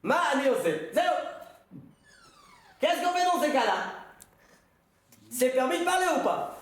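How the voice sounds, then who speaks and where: This man is a rabbi teaching informally, weaving stories into the lesson and questioning his audience as if chatting. He talks at a measured pace in an extremely high, very animated voice, and the room echoes heavily.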